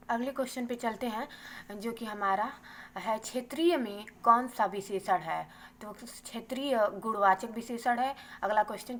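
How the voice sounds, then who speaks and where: A woman teacher going briskly through exam questions and their answers, adding a quick "okay" after each answer. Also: medium pitch, a bit bright, low-quality recording. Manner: brisk, adds "theek hai" after answers.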